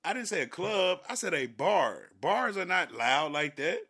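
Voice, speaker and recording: A man improvising a laid-back husband who keeps pressing his case for a night out with the fellas. He stays casual but turns defensive when pushed. His voice is bright and forward. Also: on the high side, sing-song, normal speed, husky, full character voice. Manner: casual, insistent, defensive slang.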